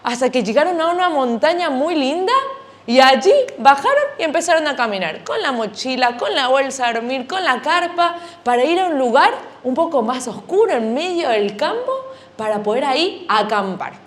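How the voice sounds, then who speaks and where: A woman's voice: high voice, moderate pace. A woman telling a story to children at church, often quizzing them with questions. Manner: animated, questioning the kids. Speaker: children's Sunday school teacher.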